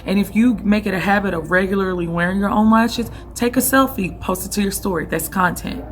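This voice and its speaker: A young woman's hoarse, fading voice, mid-range and a little fast, delivers informal vlog tips on running an online boutique. She coaches in a direct way, often checking in with the listener, over a little hiss or hum.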